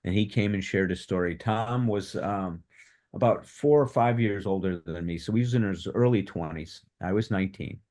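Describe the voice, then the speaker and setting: A man in his seventies telling his own story in animated fashion at a recovery workshop, acting out the voices of people in it. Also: low voice, normal speed. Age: 70s. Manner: animated, acts out quoted dialogue. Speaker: workshop speaker on addiction recovery. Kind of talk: personal storytelling.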